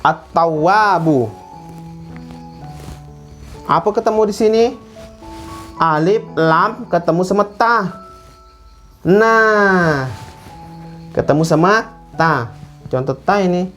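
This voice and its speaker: A man teaching Quran recitation rules in a classroom lesson, stretching words out slowly to demonstrate pronunciation. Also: sits high, fairly bright tone, faint music behind.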